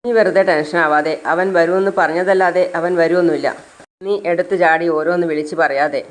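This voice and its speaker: A woman's voice: lowish voice, steady tone, fairly quick, natural voice. A woman voicing a scheming female friend who scolds and persuades insistently, in a serial recap story.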